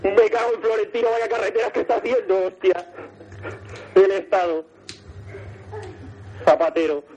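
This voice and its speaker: A man's voice: sits high, fairly even intonation, normal speed, a little mellow. A man calling a radio show over the phone, rambling urgently and barking out rally-style road warnings. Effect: heard over the phone line. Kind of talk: prank call, rambling chatter. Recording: noisy phone line.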